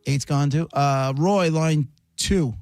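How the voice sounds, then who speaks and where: A man hosting a call-in radio show, brisk and teasing as he handles callers. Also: on the high side, a little mellow, dry recording. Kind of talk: casual call-in radio banter.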